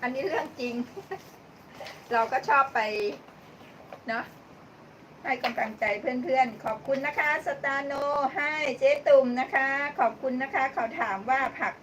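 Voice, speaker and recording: Her voice sits high and fairly bright, with a measured pace, as she hosts a live-stream cooking show. While cooking, she chats casually, thanks viewers by name, and laughs often, recorded on a distant mic with clear background noise.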